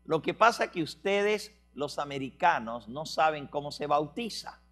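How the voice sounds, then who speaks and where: A man's voice: a little high, expressive, normal speed, fairly bright tone, soft background music. A man quoting an amused female tour guide who explains patiently, as if to a child. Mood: explaining.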